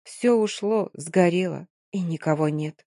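A woman's voice: mid-range voice, normal speed, dark tone, dry recording, clean studio sound, lightly acted. Woman doing a grieving young Romani woman. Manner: pleading, tearful, raised voice.

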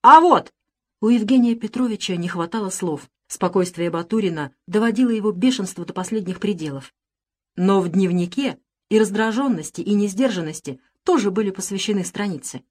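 A woman narrating a story in a measured, steady reading voice. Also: mid-range voice. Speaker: audiobook reader. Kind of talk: scripted narration.

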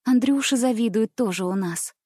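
A woman voicing an honest, gentle young circus girl who speaks earnestly and simply. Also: fairly high pitch, moderate pace, breathy edge, dry recording, clean studio sound.

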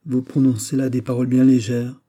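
A man playing a gentle older queen mother. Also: medium pitch, little pitch movement, fairly quick, voice pushed up, lightly acted. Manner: soft, gently teasing.

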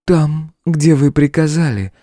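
A man voicing a calm, defiant demoness in an audiobook, speaking in a raised, unbothered tone with a smile. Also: on the high side, unhurried, no echo, clean studio sound, voice pushed up, close to an everyday voice. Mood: cool mocking. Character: cool mocking demoness woman, calm and defiant.

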